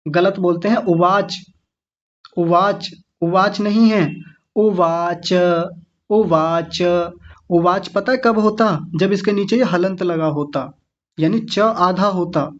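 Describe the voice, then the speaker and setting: The recording is muffled, carrying a man's high voice as he teaches an online Sanskrit recitation class. He patiently demonstrates words slowly, one syllable at a time, for his students.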